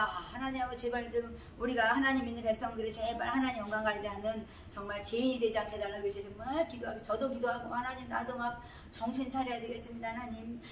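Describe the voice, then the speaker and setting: Woman pastor, middle-aged, higher voice, emphatic storytelling, echoey room, distant mic. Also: slight background noise. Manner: emphatic, animated storytelling with exclamations. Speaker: pastor and missionary. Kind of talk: informal sermon with personal stories.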